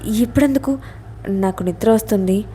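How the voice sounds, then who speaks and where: A woman's voice: mid-range voice, normal speed, warm tone, a little hiss or hum, close to an everyday voice. A woman voicing a tense, flustered young wife in an audio story. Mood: startled.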